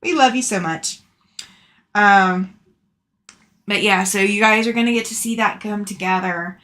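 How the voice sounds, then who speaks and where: Casting: woman, mid-pitched voice, affectionate and chatty, informal livestream host replying to comments. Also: unhurried, bright, forceful tone. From Alabama, southern US. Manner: chatty, affectionate with viewers, laughs often. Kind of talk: casual chat, reading out and answering live comments.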